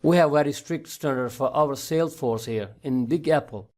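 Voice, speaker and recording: A man's voice: mid-range voice, moderate pace, darkish tone, close to an everyday voice. Man acting angry department store boss, scolding. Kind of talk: storytelling dialogue.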